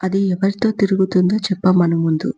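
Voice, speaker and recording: A woman's voice: on the low side, level tone, brisk, dark tone, husky. A woman voicing an angry, tearful middle-aged mother who scolds her daughter, in a storybook reading. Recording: muffled lo-fi recording.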